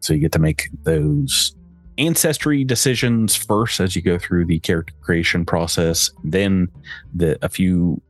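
Low-voiced man running a game. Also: measured pace, soft background music. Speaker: game master. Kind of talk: casual tabletop game session.

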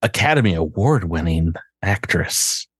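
A man's voice: low-pitched, lively intonation, measured pace, husky, no echo. A man hosting a tabletop game as game master, introducing players playfully and laughing often. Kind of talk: casual actual-play chat and intros.

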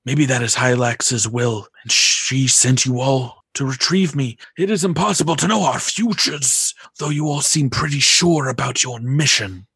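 Man acting a halting old mystic alien priest, pitched up. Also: vocal fry, a bit bright, breathy edge, no echo, full character voice. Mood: resigned. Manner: halting, stammering, portentous like a fortune teller. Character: old mystical alien priest, frail, rambling, ominous seer. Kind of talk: tabletop game character acting.

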